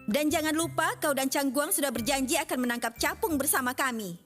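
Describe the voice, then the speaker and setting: An unforgiving young cartoon schoolgirl, with a high voice. She is snippy and curt, over faint music. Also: a little fast, a bit bright, big-room sound. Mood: scornful. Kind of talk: animated cartoon dub.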